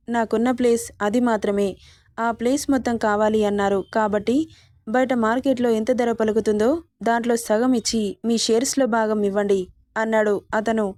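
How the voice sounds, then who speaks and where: A woman narrating a romantic story, reading every character's lines herself in the same steady voice. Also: on the high side, no room sound, studio quality. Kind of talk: narrated romance audiobook, voicing all characters.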